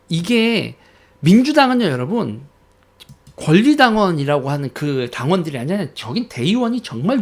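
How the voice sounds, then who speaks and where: A man talks through politics in a casual, conversational way, his voice riding high and swinging widely in pitch. He acts out the people he quotes and chuckles between points. He is from Korea's Chungcheong region. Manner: animated storytelling, acting out quoted villagers. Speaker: political commentator.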